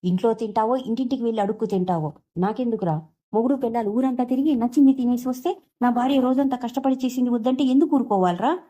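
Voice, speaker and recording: A hot-tempered young husband shouting in a family dispute, as a woman puts him on while retelling a TV serial. The voice is pitched high and sits mellow and soft in tone. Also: quick pace, natural voice. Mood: angry. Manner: scolding, shouting. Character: angry young husband defending his wife.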